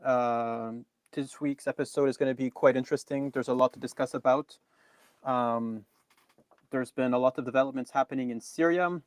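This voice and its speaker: A man's voice: medium pitch, fairly even intonation, moderate pace, smooth, no echo. A man co-hosting a live online news review, talking casually with many ums and restarts. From Canada. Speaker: co-host.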